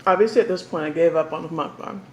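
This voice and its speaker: A young woman casually telling a story to the camera during an eating show, talking while she eats and pausing for bites. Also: deep voice. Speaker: mukbang vlogger. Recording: echoey room with faint background noise.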